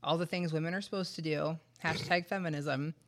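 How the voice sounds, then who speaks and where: Her voice pitched low and steady, a woman moves fairly quickly through a true-crime tale as a podcast host, chatting conversationally and adding wry sarcasm. She is stuffed up and short of breath because of a head cold.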